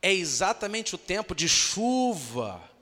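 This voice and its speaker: Man preaching in a church hall, high-pitched and lively, with long reverb. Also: unhurried. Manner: animated preaching, acts out voices of churchgoers. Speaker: pastor. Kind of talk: sermon.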